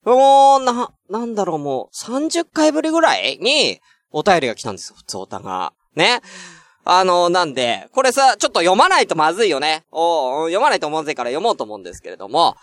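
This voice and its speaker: A man hosting a solo morning radio chat, playfully bantering with listeners and bursting into mock-outraged shouts. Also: sits high, wildly swooping pitch, fairly quick, no echo, studio quality. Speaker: net radio host.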